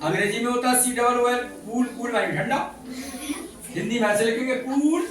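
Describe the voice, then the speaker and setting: A man's voice: very high-pitched, moderate pace, background noise. A male teacher giving a classroom lesson, quizzing the children and repeating their answers back. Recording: echoey classroom from far off.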